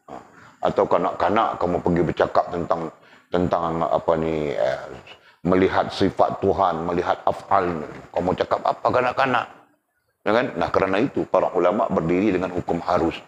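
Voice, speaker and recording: A man with a very low voice teaches a religious class. He talks in a conversational way and keeps checking in with his students through rhetorical questions. The recording is muffled and lo-fi. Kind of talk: religious lesson. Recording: dull lo-fi recording.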